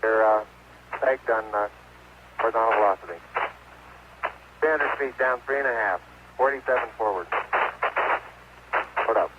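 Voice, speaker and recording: Long silences separate the clipped callouts of a man speaking from a lunar lander in a lowish voice at normal speed. His matter-of-fact reports travel over a space radio link laced with beeps and static, and the audio is noisy and dull.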